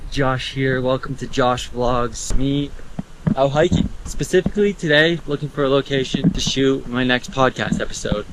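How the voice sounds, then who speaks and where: A man's voice: medium pitch, noisy background. Breathless young man vlogging on a hike. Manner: easygoing, talks while walking uphill. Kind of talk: casual hiking vlog to camera. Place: outdoors on a mountain trail.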